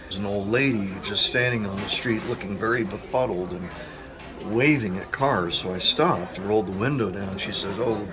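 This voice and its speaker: A man's voice: on the low side, moderate pace, a crowd in the background. A man around fifty, a physics teacher, talking in a rambling, anecdotal way in an interview. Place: school science lab. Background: background music.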